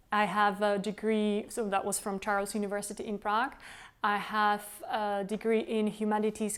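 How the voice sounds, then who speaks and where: A native Czech speaker from the Czech Republic, this woman is a tour guide and company founder answering interview questions. She speaks earnestly and explains things at length, her Czech accent carried by a smooth, mid-range voice.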